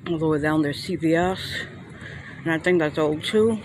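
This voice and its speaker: A man with a New York accent rambles through a casual walking tour of an outdoor shopping plaza, thinking aloud as he goes. His voice sits a little high. It is recorded on a handheld phone, with street and traffic noise heard clearly behind him. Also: normal speed. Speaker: vlogger. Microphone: handheld phone camera.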